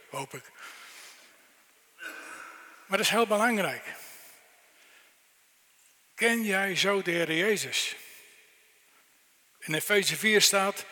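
Middle-aged guy preaching, kinda high voice, asks you straight questions, big echoey church. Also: pushed and bright. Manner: earnest, direct questions to the listener. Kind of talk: sermon. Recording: long reverb in a church hall.

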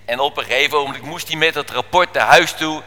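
A preacher telling a children's story in a church service, animated, swinging from whispers to shouts. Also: male voice, fairly high pitch, fast talker. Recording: echoey church hall.

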